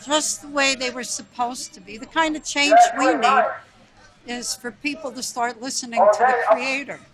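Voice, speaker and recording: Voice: high voice, normal speed, a loud crowd. A protester speaking indignantly in a street interview.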